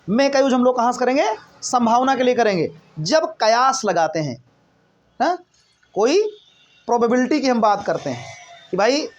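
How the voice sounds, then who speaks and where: A man teaching a spoken English lesson, asking questions and answering them himself, often checking that listeners are following. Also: very high voice. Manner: explains by asking and answering his own questions; repeats points, checks in with listeners.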